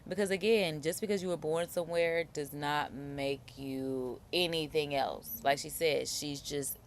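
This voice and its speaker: An American woman hosting a casual live stream, reading viewer comments aloud and reacting with animated remarks. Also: low voice, a little slow, slight background noise. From United States.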